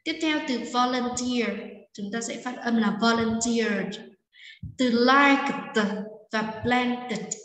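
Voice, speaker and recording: Speaking at a measured pace with few pauses, a woman whose voice is a little high explains an English lesson one step at a time. As a patient teacher, she frequently checks that her students are with her. The classroom recording is echoey, with long reverb and her voice far from the microphone.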